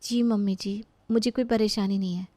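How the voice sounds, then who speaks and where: A woman voicing a meek young daughter-in-law who answers quietly and hesitantly. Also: medium pitch, fairly even intonation, normal speed, natural voice.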